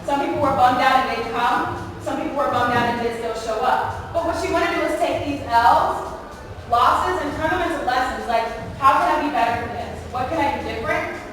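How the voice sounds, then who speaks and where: A high-voiced young woman talks fast and candidly, dropping quick quoted asides as she speaks to a panel audience. She is picked up from far off in an echoey hall with noise underneath. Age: 20s. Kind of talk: motivational panel talk. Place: large event hall.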